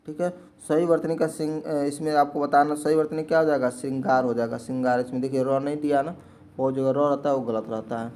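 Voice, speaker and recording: Male teacher, slightly higher voice, repetitive Q&A explainer for exam prep. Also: darkish tone, a little hiss or hum. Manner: repetitive question-and-answer explaining.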